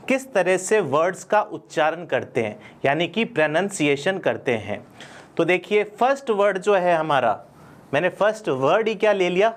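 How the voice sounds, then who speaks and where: A man with an Indian accent teaching a spoken English class, explaining step by step and answering his own questions. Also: sits high. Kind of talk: classroom lesson in Hindi.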